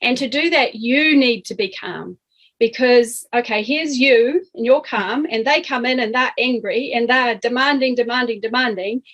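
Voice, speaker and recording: A middle-aged woman talks on a video call in a calm, explanatory way. Her voice sits fairly high, and she sometimes acts out short examples as she teaches. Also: moderate pace, poor audio. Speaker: guest, workshop teacher. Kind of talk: casual chat, video call.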